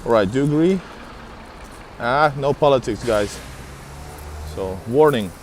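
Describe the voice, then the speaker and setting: Strolling outdoors in the city, the live streamer, a Finn who grew up speaking Russian, talks slowly with lively intonation at a medium pitch. He's chatty and calls out viewers by name, and there's a slight hiss or hum.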